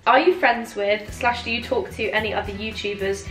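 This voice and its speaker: Answering her viewers' questions in a chatty vlog, a young British woman in her 20s sounds giggly and tipsy, speaking at medium pitch with animation, a measured pace, and a slightly bright tone. The room echoes and music plays in the background.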